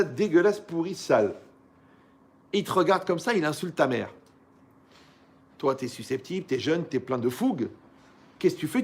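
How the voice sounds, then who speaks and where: Man, rabbi, Torah lesson, colloquial, animated storyteller, rhetorical questions, slightly high voice. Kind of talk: lively Torah lesson to young listeners.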